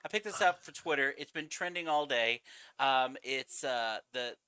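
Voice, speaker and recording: A man's voice: medium pitch, moderate pace, bright, forceful tone, smooth, no room sound, studio quality. A man co-hosting a podcast, giving emphatic, jokey commentary in casual chat. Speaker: podcast co-host.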